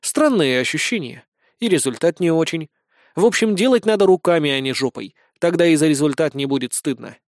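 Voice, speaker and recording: A man reading a humorous first-person audiobook with a wry, deadpan delivery on a close mic. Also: fairly high pitch, a little fast, no echo. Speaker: audiobook narrator.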